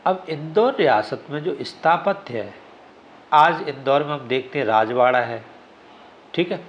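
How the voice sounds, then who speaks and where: A man's voice: on the high side, animated, measured pace, muffled recording, a little hiss or hum. A male exam coaching teacher giving a classroom lecture. He keeps asking questions and answering them himself, often checking with "ठीक है?".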